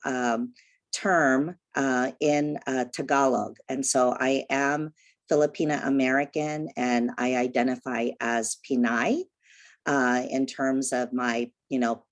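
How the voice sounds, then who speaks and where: A woman from the Philippines who grew up in California, speaking as a panelist in a gracious, measured way with many "um"s and "you know"s. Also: sits low. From Philippines, raised in California. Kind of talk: conversational panel talk.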